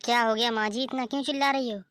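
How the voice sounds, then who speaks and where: A woman's voice: on the high side, fairly even intonation, rapid-fire, a bit bright, dry recording, clean studio sound, natural voice. A woman voicing a polite, apologetic young daughter-in-law in a cartoon story.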